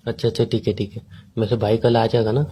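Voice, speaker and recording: A fast-talking man grumbles through a comedic phone-call sketch as an exasperated boyfriend. His voice is dark and mellow, and he teases and complains in quick bursts. A faint noise sits under the recording. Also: medium pitch, little pitch movement.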